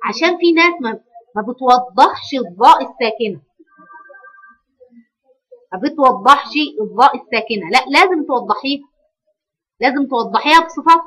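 A woman with an Egyptian accent leads a recitation lesson in a fairly high, bright and forceful voice. She corrects her pupils and stretches the phrases out slowly to show how they should sound. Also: lively intonation, breathy edge, low-quality recording. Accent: Egyptian Arabic. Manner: corrective, models phrases in slow drawn-out recitation. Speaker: Quran recitation teacher. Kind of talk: online tajweed lesson.

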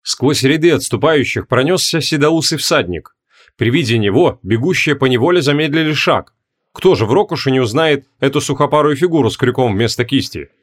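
A man reads a fantasy audiobook aloud. His pitch sits in an ordinary middle range. His reading is steady and measured. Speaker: audiobook narrator. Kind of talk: audiobook narration.

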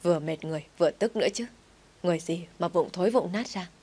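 A woman reading an audio story, voicing a fussy grandmother over 60 who scolds quickly. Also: on the low side, darkish tone, slightly rough. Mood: scolding.

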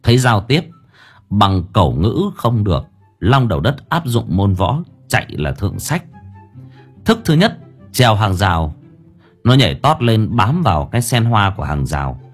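A man narrating a comic story in a lively, playful storytelling manner. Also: on the low side, moderate pace, husky. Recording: faint background music.

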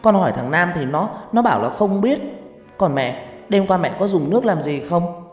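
A man voicing an angry older sister who shouts accusations at her little brother. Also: high-pitched, lively intonation, normal speed, echoey room, long reverb tail, soft background music, voice pushed up. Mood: accusing, shrill.

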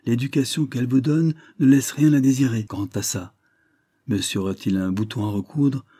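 A man voicing a lively, gossipy, quick-tempered shopkeeper woman in a storybook reading, raising his pitch. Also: husky, no echo, clean studio sound, lightly acted. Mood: proud.

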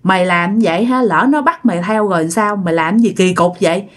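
A woman's voice: medium pitch, brisk, close to an everyday voice. A stern old grandmother scolds her son harshly in a plain, everyday voice, as a woman storyteller quotes her. The lines come from a spoken ghost story. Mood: scolding.

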